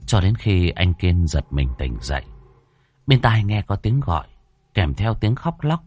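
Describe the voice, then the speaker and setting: A man's voice: low voice, expressive, unhurried, a little mellow, soft background music. A man telling a ghost story in scripted, dramatic narration.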